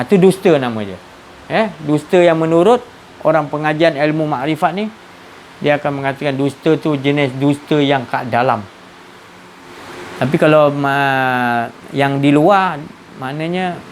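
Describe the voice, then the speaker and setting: A Malaysian-accented man teaches a Sufi religious lesson in a loose, talky way, throwing out rhetorical questions and breaking off to restart words. His voice sits a little high for a man. A faint hiss runs under the recording. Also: a little slow.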